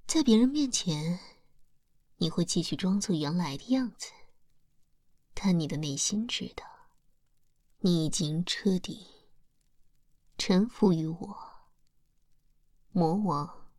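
A woman voicing a seductive female demon lord in an ASMR hypnosis roleplay, whispering slowly and softly with a breathy voice. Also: fairly low pitch, lively intonation, no room sound, clean studio sound. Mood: soothing. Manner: slow soft whispering.

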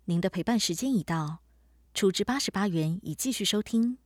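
A woman's voice: mid-range voice, expressive, moderate pace, dry recording, clean studio sound, close to an everyday voice. A woman voicing a polite smart-speaker companion system, reading formulaic prompts like an announcement. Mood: polite, neutral.

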